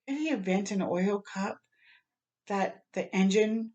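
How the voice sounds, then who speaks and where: Reading slowly in a mid-range voice, a woman shares a picture book with children, acting out exclamations and sound words with expression and speaking asides to them. The audio is lo-fi.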